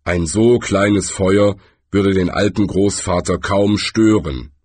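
A man voicing a gruff male troll in an audiobook, in a low, rumbling voice close to his own. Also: slow, darkish tone, no echo, exaggerated voice. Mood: wry. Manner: rumbling, grumbling.

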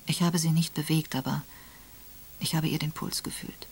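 A woman reader voicing a calm, gentle woman who speaks softly and hushed. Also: low voice, normal speed. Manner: soft, hushed, breathy. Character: composed woman, gentle and sober.

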